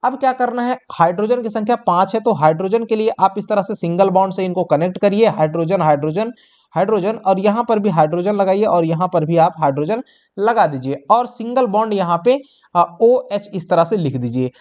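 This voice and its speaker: A man's voice: sits high, a little fast, darkish tone. A man teaching a tenth-grade science exam lesson, calling his students children and answering his own questions as he works through each step. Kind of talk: exam-prep board lesson.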